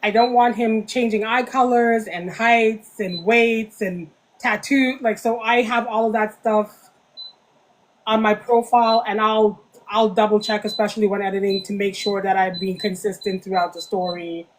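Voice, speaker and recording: A woman's voice: medium pitch, steady tone, moderate pace, low-quality recording. A woman author chatting casually as a podcast guest, telling things animatedly and acting out remarks. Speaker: interviewed author. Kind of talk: casual podcast interview chat.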